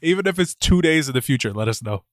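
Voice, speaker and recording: A young man co-hosting a comedy podcast, joking in a deadpan way. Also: fairly high pitch, fast, dry recording, clean studio sound. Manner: jokey, deadpan banter. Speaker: podcast co-host. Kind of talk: casual comedic chat.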